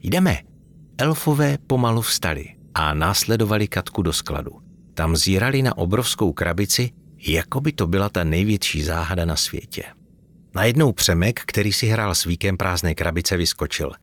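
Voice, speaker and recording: A man narrating a storybook with gentle, expressive reading. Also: low-pitched.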